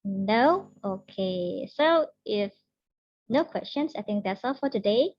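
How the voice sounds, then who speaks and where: A woman's voice: mid-range voice, lively intonation, takes it slowly, dry recording. A young Indonesian woman teaching an English class, friendly and mixing English with Indonesian. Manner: friendly, mixes English with Indonesian, laughs often. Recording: dull, dry lo-fi sound.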